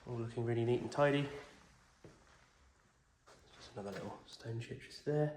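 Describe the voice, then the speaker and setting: Speaking at a moderate pace in a medium pitch, a car salesman who has a cold circles a pick-up and lays out its condition in a calm, orderly, reassuring manner. It's an outdoor walk-around vehicle video, and the audio is echoey with a little noise.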